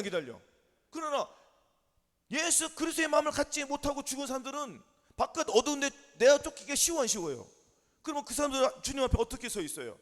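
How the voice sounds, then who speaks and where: High-voiced fast preaching man, echoing hall. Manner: drills the congregation with rapid yes-or-no questions and calls of amen; emphatic, repetitive preaching. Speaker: pastor. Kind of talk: sermon.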